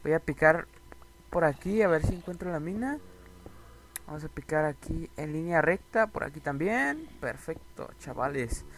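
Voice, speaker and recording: Excitable young gamer narrating play. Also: male voice, on the high side, normal speed, a little hiss or hum. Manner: excitable, repetitive, talks to viewers. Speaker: gaming youtuber. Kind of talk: Minecraft challenge commentary.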